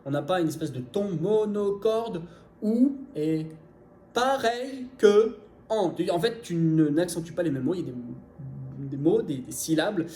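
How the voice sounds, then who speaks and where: A man teaching English pronunciation in an online video lesson, speaking in a lively, informal way to the viewer and demonstrating English phrases. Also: on the high side. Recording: echoey room, faint background noise.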